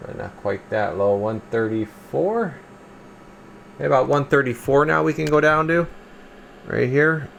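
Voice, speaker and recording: With slight noise in the background, a man speaks at a measured pace in a mid-range, somewhat bright voice marked by vocal fry and long pauses. He hosts a radio repair and test channel and is giving an informal demo, narrating each step while he works and occasionally muttering half to himself.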